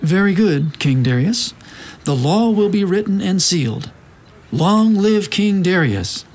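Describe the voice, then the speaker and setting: An actor playing a sly, flattering royal official in a theatrical Bible drama. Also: male voice, high voice, measured pace. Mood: fawning.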